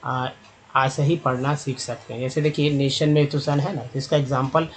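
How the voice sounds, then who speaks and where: A man's voice: mid-range voice, little pitch movement, moderate pace, a little hiss or hum. A man teaching an online lesson, spelling out letters and sounding out English words as he talks to viewers as friends. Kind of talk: explaining a lesson.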